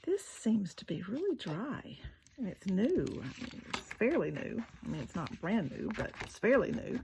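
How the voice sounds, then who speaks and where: A woman's voice: medium pitch, very animated, normal speed, creaky, noisy background. A woman, talking casually through a craft tutorial, chatty and self-deprecating, with muttered asides while she works. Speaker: craft video maker.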